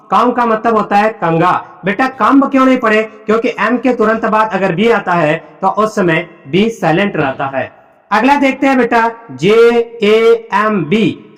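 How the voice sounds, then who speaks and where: A man's voice: sits high, fairly bright tone. A man teaching an English spelling lesson, spelling words out letter by letter and quizzing pupils with repeated questions. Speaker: English teacher at a coaching center. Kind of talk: classroom lesson.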